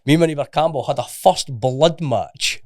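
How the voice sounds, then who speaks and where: A man's voice: on the high side, moderate pace, a little mellow. Emphatic man in his thirties. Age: 30s. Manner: emphatic, swears freely, restarts a lot. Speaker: podcast guest. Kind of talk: casual chat.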